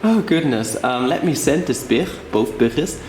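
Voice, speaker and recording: A man casually narrating a woodworking vlog, talking excitedly and swearing now and then as he works on wood in his workshop. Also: mid-range voice, a little slow, a little hiss or hum. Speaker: woodworking vlogger. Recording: very echoey workshop room.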